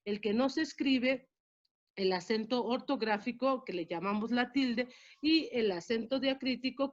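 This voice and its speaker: A woman teacher giving a spoken grammar lesson in a measured, explanatory way, stressing key words. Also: on the high side. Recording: dull lo-fi sound.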